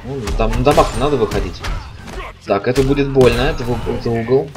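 A man's voice: mid-range voice, brisk. A man giving live commentary on a fighting game stream, as a stream commentator. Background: game music and sound.

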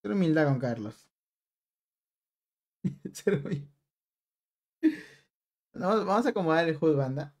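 A man's voice: a little high, lively intonation, measured pace, pauses often. A young man streams a game, reading chat aloud and teasing viewers. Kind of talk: live stream chat while gaming.

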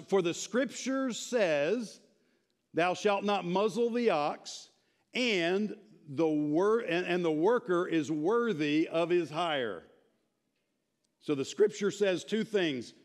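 A man in his thirties teaching a church class in an animated, informal way, quizzing the group. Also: high-pitched. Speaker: Bible teacher. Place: church sanctuary, speaking to a small audience.

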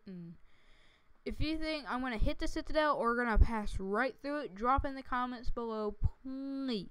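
A woman giving casual, excitable commentary over her own gameplay, breaking into sudden dramatic outbursts, speaking into a headset mic. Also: fairly high pitch, clean tone, dry recording. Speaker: gaming video creator. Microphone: headphones with mic.

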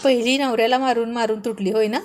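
Give me a woman doing a bossy young husband who teases his wife, slightly high. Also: fairly even intonation, fast talker, natural voice. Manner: mocking, playful taunts.

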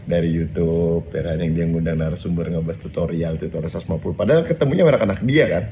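Mellow-voiced man talking blunt street slang. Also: sits low, rapid-fire, slight background noise. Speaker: content creator. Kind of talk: casual video clarification.

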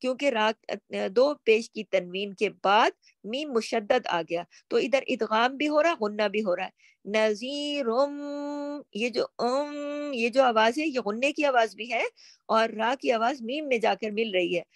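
A woman's voice: fairly high pitch, moderate pace, no room sound. A woman teaching Quran recitation rules, stretching out example words and then explaining them.

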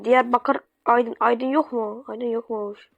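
A woman's voice: on the high side, fairly even intonation, takes it slowly, vocal fry, no room sound, lo-fi sound. A woman giving chatty let's-play commentary to her viewers, swearing when flustered. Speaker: gaming YouTuber. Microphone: phone screen recording.

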